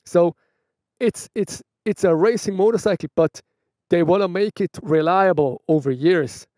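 A Swiss motovlogger with a Swiss German accent answers viewer questions in a casual outdoor vlog by a roadside bench, chatty and often restarting his sentences. His voice is high-pitched, unhurried and a little mellow. The studio-quality audio has no room sound.

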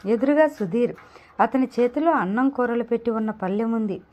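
A woman narrating an audio novel in a steady, measured storytelling manner. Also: on the high side. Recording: dull lo-fi recording.

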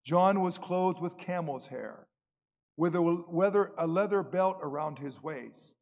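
A man, a priest, reading the gospel and preaching in a measured, formal way, his voice carrying a cathedral echo. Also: a little high, a little mellow. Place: large church. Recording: echoey church with long reverb.

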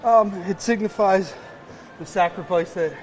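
Halting middle-aged man over clear gym noise. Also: sits high. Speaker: crisis response team member being interviewed. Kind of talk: live interview answers. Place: indoor gym, on a stair climber. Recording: noisy gym with machines behind.

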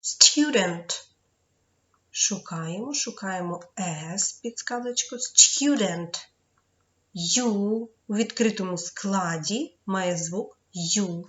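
A woman's voice: mid-range voice, muffled recording. A woman teaching a children's English lesson, patiently explaining syllables one step at a time. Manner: slow, patient, spells out syllables.

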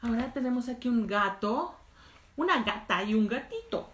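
A woman's voice: on the high side, expressive, normal speed, a bit bright, roomy sound. A woman teaching children by reading picture books in Spanish, repeating each line in English and chatting between pages. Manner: reads a line in Spanish, then explains it in English; chatty asides while turning pages. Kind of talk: bilingual picture-book story time.

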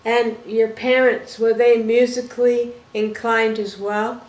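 An older woman from Toronto, Canada, hosts a casual talk-show interview in a small indoor living room, folksy and fond of pet names. Her slightly high voice is slow and flat in delivery, and the recording sounds roomy and echoey.

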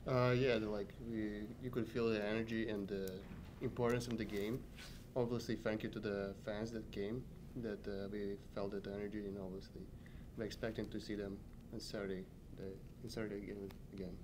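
A young man, a hockey player, answering press questions in halting, short broken phrases at a table mic. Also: on the low side, little pitch movement, background noise. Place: press room, seated at a table. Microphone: table microphone.

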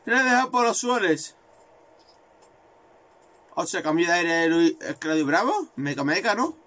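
Man, high voice, bright tense tone, excitable, swearing gamer commentary. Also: unhurried. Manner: excitable, swearing, repeats words in bursts. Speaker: gaming video creator. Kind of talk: live game commentary.

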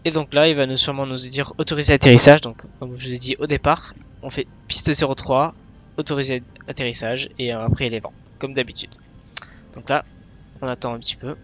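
A man's voice: mid-range voice, steady tone, brisk, a bit bright, faint music behind. A man giving casual tutorial commentary as a flight simulator presenter.

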